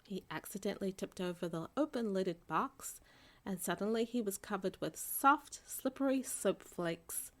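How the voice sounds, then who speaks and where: A woman narrating a bedtime story for children in an expressive storytelling manner. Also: mid-range voice, normal speed. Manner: expressive storytelling, character voices for dialogue.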